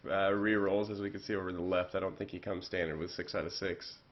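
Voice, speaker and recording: A man's voice: low-pitched, level tone, fast. A man doing casual play-by-play commentary on a video game, rambling and correcting himself with fillers. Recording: dull lo-fi audio.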